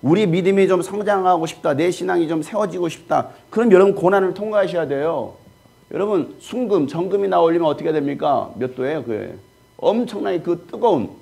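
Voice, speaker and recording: A man's voice: high-pitched, vocal fry, dark tone, husky. A man preaching as a pastor in a conversational style, peppering the congregation with rhetorical questions. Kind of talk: sermon teaching.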